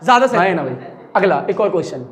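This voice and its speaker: A man teaching physics in an energetic classroom lecture, coaxing students, joking and at times shouting questions. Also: high voice, rapid-fire. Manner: animated, coaxing, often shouts and jokes with students.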